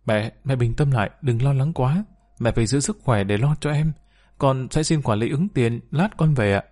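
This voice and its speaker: A man's voice: medium pitch, moderate pace, darkish tone, close to an everyday voice. A man voicing a poor young waitress who speaks politely and pleads anxiously. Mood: soothing. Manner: polite, pleading, respectful particles.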